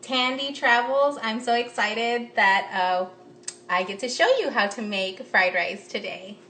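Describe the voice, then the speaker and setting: A woman's voice: on the high side, unhurried, bright, forceful tone, slight background noise. A woman in her thirties from the United States, chatting upbeat with lots of ums as she hosts a live cooking demo from her home kitchen. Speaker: cooking instructor. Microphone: phone camera propped close. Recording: roomy, slightly distant phone audio.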